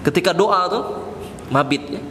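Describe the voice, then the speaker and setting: A man, an ustaz, gives a casual sermon in a mosque, speaking conversationally and reciting Arabic quotes slowly. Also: sits high. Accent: Indonesian. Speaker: ustaz giving a mosque study session. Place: mosque hall. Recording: reverberant mosque hall with faint background noise.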